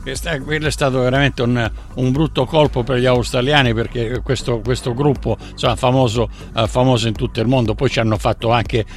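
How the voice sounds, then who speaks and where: A man hosting a conversational interview, speaking informally in halting phrases with repeated words. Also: medium pitch, steady tone. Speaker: radio interviewer.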